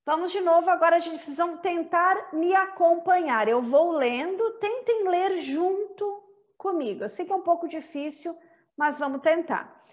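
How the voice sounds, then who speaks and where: A woman whose first language is Portuguese, with a Brazilian accent, teaching an online English lesson, switching between English and Portuguese and reciting lines slowly. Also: very high-pitched, highs cut off. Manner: slow, carefully paced recitation.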